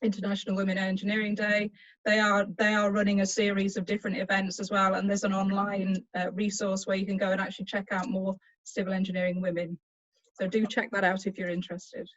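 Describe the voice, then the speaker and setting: A woman panellist speaks in an even, flat voice, brisk and helpful as she wraps up her informal remarks. Her video call sound is dry and dull. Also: mid-range voice, no room sound.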